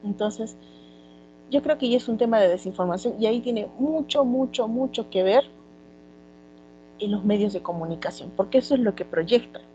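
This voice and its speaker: Peruvian woman teacher, chatty with lots of fillers, mid pitch, dull audio with faint hum. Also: moderate pace, dark tone. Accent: Peruvian Spanish. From Peru. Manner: conversational, many fillers like "este". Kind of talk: online class lecture.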